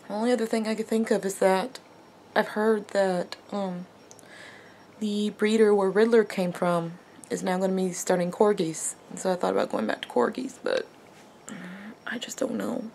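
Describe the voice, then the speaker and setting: A young woman speaks to her camera in a casual video diary while crying. Her voice is tearful and dejected, with a middle pitch. She sounds heartbroken. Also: fairly even intonation, normal speed, a little mellow, slight background noise. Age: young adult. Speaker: vlogger. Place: small wood-paneled room at home.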